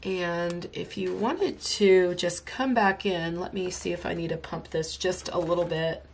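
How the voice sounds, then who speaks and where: A woman with a creaky, lowish voice talks through a coloring tutorial as she draws at her home craft desk, with slight background noise present. She sounds a little congested from illness but remains chatty and enthusiastic.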